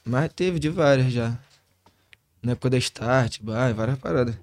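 A man's voice: medium pitch, unhurried, darkish tone. A man with a Rio de Janeiro accent chatting casually as an interview guest in street slang peppered with tag phrases. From Rio de Janeiro, Brazil. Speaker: interview guest, hip hop musician.

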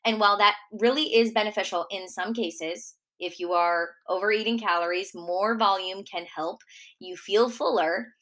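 A woman's voice: medium pitch, moderate pace, fairly bright tone. A young woman with a Minnesota accent hosting a solo Q&A podcast, chatty and full of "like" fillers. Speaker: podcast host and nutrition coach.

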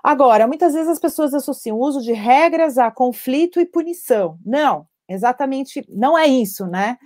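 Animated higher-voiced woman addiction counselor. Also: normal speed. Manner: animated, acts out parents' quotes, frequent tag questions. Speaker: addiction treatment professional. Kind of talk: live-stream talk.

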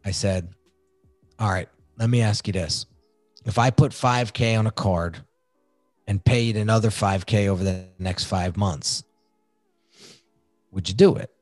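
A man talking as a podcast guest, telling his own story in an animated, excitable way. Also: fairly low pitch, measured pace, long pauses, no echo, soft background music. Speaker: podcast guest, design agency founder. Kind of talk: casual storytelling interview.

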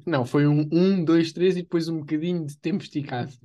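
A man's voice: on the high side, fairly even intonation, brisk, mellow, highs cut off. A young man chats casually as a podcast co-host, using slang and repeating himself for emphasis. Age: young adult. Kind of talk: casual chat.

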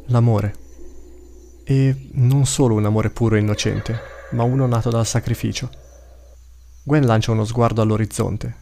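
Low, gravelly male storyteller. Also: dark tone, a little hiss or hum. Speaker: narrator. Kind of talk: scripted storybook narration.

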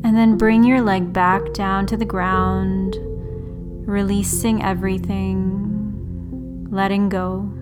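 A woman leading a guided relaxation meditation in a soothing, unhurried sleep-story manner, leaving long pauses. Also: medium pitch, flat delivery. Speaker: yoga and meditation teacher, host. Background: background music.

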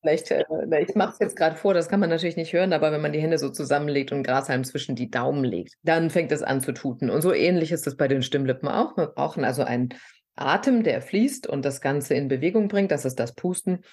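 A middle-aged woman from southern Hesse, a voice coach, explaining things in an animated, teacherly way as a guest in a podcast interview. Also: low voice, fast, slightly rough. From southern Hesse, Germany.

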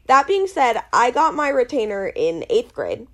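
A woman's voice: fairly high pitch, very animated, measured pace, a bit bright. A woman in her twenties co-hosting a podcast in casual chat, telling stories in a rambling, self-deprecating way. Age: 20s. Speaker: podcast co-host.

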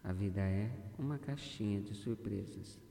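A man leading a guided hypnosis meditation, speaking in a slow, measured way and repeating affirmations over and over. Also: fairly low pitch, gravelly, dark tone. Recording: roomy voice with long reverb.

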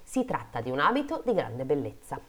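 A woman's voice: sits low, wildly swooping pitch, a little fast. A woman hosting a podcast, reading fairy tales aloud and breaking off into playful, jokey asides. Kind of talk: storytelling read-aloud with casual asides.

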